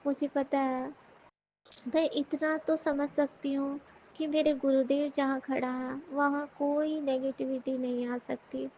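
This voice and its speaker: A woman's voice: high voice, flat delivery, unhurried, darkish tone. A woman earnestly giving a devotional testimony, repeatedly addressing her listeners. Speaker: devotee sharing a satsang. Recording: dull lo-fi recording with faint noise.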